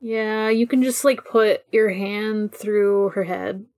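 Slow-paced woman, irreverent podcast co-host. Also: mid-range voice, a little mellow. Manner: irreverent, sweary, jokey. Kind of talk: casual chat.

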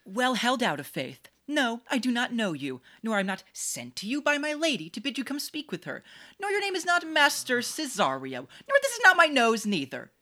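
A witty male jester, played by a woman who mocks everyone with playful wordplay on stage. The voice is bright and fairly high, and it swings widely as he teases. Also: wildly swooping pitch, moderate pace, exaggerated voice. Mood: mocking. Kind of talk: stage play performance.

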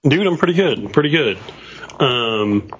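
A man's voice: medium pitch, animated, measured pace, slight background noise. A man chatting casually and swearing now and then, heard over a remote call line. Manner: laid-back, swears casually. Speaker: podcast co-host. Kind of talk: casual chat. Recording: dull lo-fi remote call audio.

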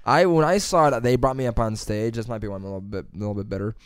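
A man, a stand-up comedian, telling a profane, animated story in casual podcast chat and acting out the quotes. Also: lowish voice, fast talker, clean tone, no room sound, studio quality.

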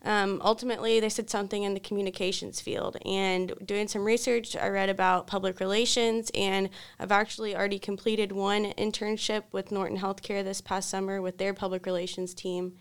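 A college student in her twenties from Kentucky, a woman answering interview questions in a friendly, steady way. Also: mid-range voice, fairly quick, few pauses, clear, resonant tone. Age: 20s. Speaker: student guest.

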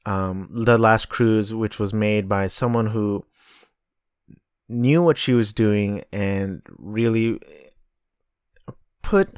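Slow, rambling male vlogger. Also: lowish voice, dry recording, clean studio sound. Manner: rambling, self-correcting, reads aloud from notes. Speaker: vlogger reviewing films. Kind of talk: casual solo commentary.

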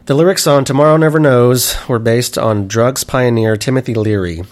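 A man's voice: medium pitch, normal speed. A man co-hosting a podcast, reading out facts in casual chat with stumbles and asides. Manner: reads trivia aloud with stumbles and asides. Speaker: podcast co-host.

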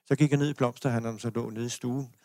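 Older Danish man with gravelly voice. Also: medium pitch, fairly even intonation, mellow, dry recording, studio quality. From Denmark. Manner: rambling anecdotal storytelling with restarts and chuckles. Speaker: lecturer. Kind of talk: personal storytelling lecture. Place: lecture hall.

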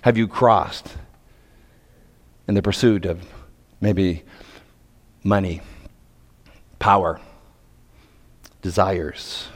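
A man from Nova Scotia preaches a sermon, dramatically moving between hushed questions and loud, emphatic points. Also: sits low, drawn-out words, long pauses. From Nova Scotia, Canada. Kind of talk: sermon to men, storytelling with pointed rhetorical questions. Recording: reverberant hall.

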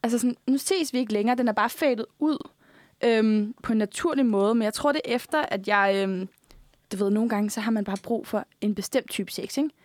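A woman's voice: a little high, a little mellow, no echo, clean studio sound. A young Danish woman co-hosting a casual podcast chat, telling candid stories, often quoting herself and others, laughing easily. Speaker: podcast co-host.

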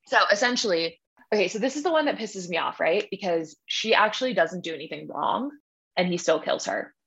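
A young woman tells a story with lively, slangy enthusiasm, her pitch sitting a bit low. Her voice comes through dull and lo-fi, with the highs muffled. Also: creaky. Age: young adult. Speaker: podcast guest, graduate student. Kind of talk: casual chat.

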